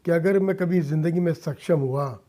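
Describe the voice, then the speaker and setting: Speaking at a moderate pace in a fairly high, mellow voice, a middle-aged Indian businessman and social worker appears as a radio interview guest. He is earnest throughout and drops English phrases into his speech in the studio.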